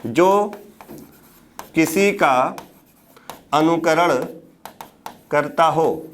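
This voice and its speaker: A man with a fairly high voice lectures a classroom of students. He throws out questions, supplies the answers himself and says each key word again so it sticks. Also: very slow, fairly bright tone, a little hiss or hum. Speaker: Hindi exam teacher.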